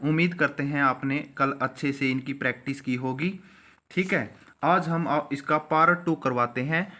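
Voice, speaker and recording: A man teaching a shorthand class, slowly repeating each step and checking in with the students. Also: mid-range voice, sharp tone. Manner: slow, repeats each step aloud, often says "theek hai". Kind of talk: classroom lesson.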